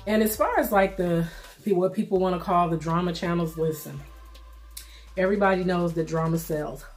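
A middle-aged woman talks casually to the camera as she eats, with a slightly low voice. She is plainspoken and informal, pausing between bites, and music plays behind her. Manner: talks while eating, with pauses for bites; plainspoken, informal, repeats phrases for emphasis. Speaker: vlogger. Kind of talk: casual mukbang commentary chat.

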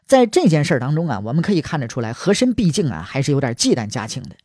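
A man's voice: a little high, big pitch swings, fast, darkish tone, no echo, studio quality. Chatty male storyteller. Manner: chatty, asides to listener, heavy erhua. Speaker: history storyteller. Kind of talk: colloquial storytelling.

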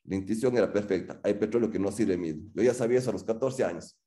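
A man in his late thirties tells a personal story with humor, acting out the quotes of others. His voice is low and dark. It rings in a roomy, echoing space. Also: fast talker. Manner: humorous, animated, acts out quotes.

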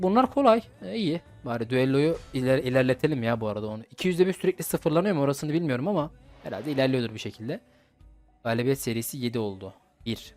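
Slangy young man commenting on a game. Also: mid-range voice. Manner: slangy, swearing at opponents, chatty. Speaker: gaming YouTuber. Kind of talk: casual gameplay commentary. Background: game music.

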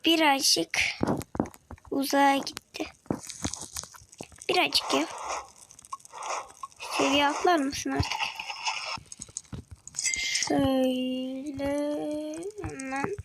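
A high-pitched young woman chatters her way through a video game, excitable and quick to react. She keeps talking to her viewers and to the creatures on screen, and now and then drops to a whisper. A clear hiss of background noise sits under her voice. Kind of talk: casual gameplay commentary.

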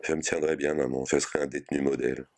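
A man's voice: extremely low pitch, little pitch movement, fast talker, a little mellow. A man reading the part of a guilt-ridden young male prisoner talking to his mother, subdued and evasive.

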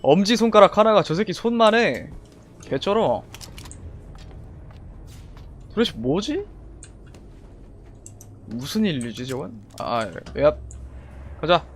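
A young man streaming a video game live, swearing a lot and shouting at the action on screen. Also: sits high, very animated, slow pace, pauses often, a little hiss or hum. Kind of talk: live gameplay commentary. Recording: game music behind. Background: faint game music.

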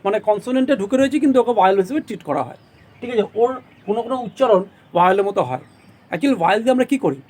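A male teacher explaining English syllables in a grammar lesson, encouraging his students and drawing out example words slowly. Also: sits high, darkish tone. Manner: encouraging, motivational asides; drawn-out modelling of English words.

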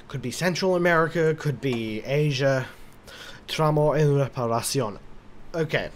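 A man's voice: on the high side, takes it slowly, long pauses, a bit bright, slight background noise. A drunk man giving casual, rambling commentary on a game, swearing and talking to himself. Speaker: gaming commentator.

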